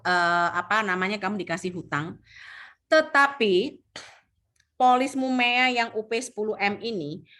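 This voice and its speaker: A woman with a medium-pitched voice trains insurance sales agents in an animated coaching talk. She mixes in English phrases and acts out what clients say, voicing them herself.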